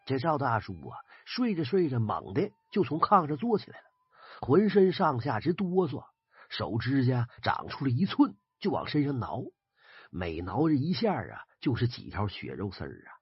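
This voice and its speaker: A man with a Northeastern Chinese accent telling a folk ghost story in a lively, dramatic way. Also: medium pitch, moderate pace, no room sound. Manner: lively, dramatic retelling, husky. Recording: dry, slightly dull recording with faint music.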